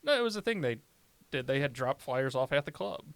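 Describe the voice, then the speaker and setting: A man's voice: mid-range voice, big pitch swings, fairly quick, fairly bright tone, no echo. A man, a stand-up comedian, chatting casually on a podcast, telling rambling stories and swearing often. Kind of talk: casual chat.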